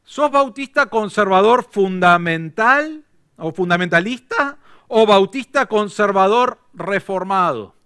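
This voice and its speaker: Man putting on an excitable Argentine busybody, high and sharp, all questions. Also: a little slow, clear, resonant tone, heavily acted. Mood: eager. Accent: Argentine Spanish. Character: eager, nosy man quizzing a stranger.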